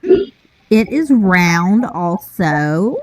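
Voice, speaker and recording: A woman's voice: medium pitch, very animated, extremely slow, crowd noise. A woman co-hosting a casual chat, playful and chatty as she tastes snacks. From USA. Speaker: co-host. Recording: dull lo-fi audio.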